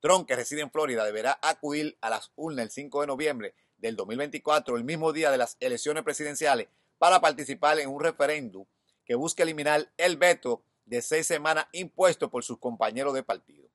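A man's voice: fairly high pitch, brisk, fairly bright tone, dry recording, clean studio sound. A man in his thirties with a Dominican accent, hosting a news show outdoors, reading headlines and then giving his own opinion. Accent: Dominican Spanish. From Dominican Republic. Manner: reads headlines, then adds personal opinion. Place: outdoors in front of a hedge.

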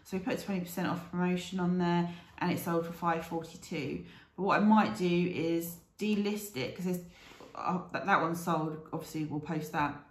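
A woman's voice: on the low side, normal speed, roomy sound. A British woman in her thirties, chatting casually to camera in a rambling, aside-filled way as a reseller vlogger. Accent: British English.

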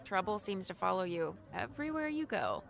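A man's voice: high voice, sing-song, a little fast, gravelly, fairly bright tone, faint music behind, voice pushed up, heavily acted. A man voicing a blunt, cautious young woman with a frank, wary manner in an audiobook. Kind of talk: audiobook character voice.

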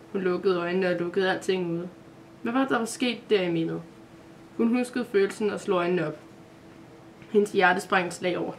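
A woman reading a children's advent-calendar story aloud at a steady pace, with small self-corrections. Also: medium pitch, slight background noise.

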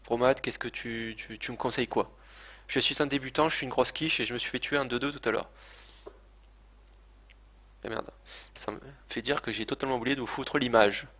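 A man's voice: mid-range voice, brisk, pushed and bright. A man streaming a video game live, talking casually and hesitantly, swearing and poking fun at himself. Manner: chatty, hesitant, swears, self-mocking. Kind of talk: casual live gameplay commentary. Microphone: desk microphone, speakers playing game sound.

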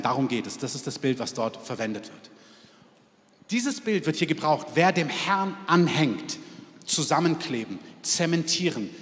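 A man's voice: a little high, fairly bright tone. A man preaching a sermon as pastor, with emphatic lines and a repeated "Amen". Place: church hall. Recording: long hall reverb.

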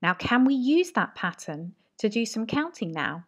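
A woman teaching a maths lesson to young children, talking slowly and encouragingly in a sing-song way. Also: on the high side, big pitch swings. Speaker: reception teacher.

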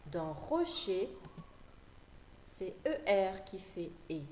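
Woman, teacher, children's phonics lesson, slow, carefully articulated, repeats words, roomy echo. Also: mid-range voice, very animated, a little mellow, a little hiss or hum. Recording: echoey room with faint ambience.

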